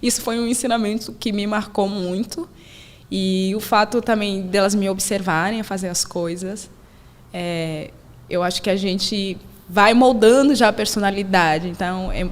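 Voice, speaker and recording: A young adult woman talks in a relaxed, conversational way about raising her daughters. Her voice sits at an ordinary middle pitch. She brings her stories to life by imitating the children in a much higher voice. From Brazil. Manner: animated storyteller, acts out her daughters in a high voice. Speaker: podcast host sharing her story. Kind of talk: casual conversational interview.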